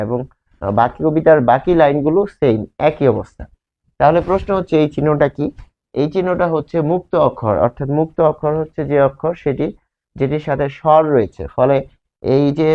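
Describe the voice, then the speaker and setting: A male teacher giving a grammar lesson, repeating key terms slowly and asking and answering his own questions. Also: medium pitch, creaky. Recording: tinny, phone-like sound.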